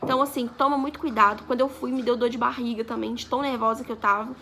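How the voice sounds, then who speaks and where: On her vlog, a Brazilian woman in her twenties recounts a story chattily and acts out what people said. Her voice runs on the high side, fast and steady in tone.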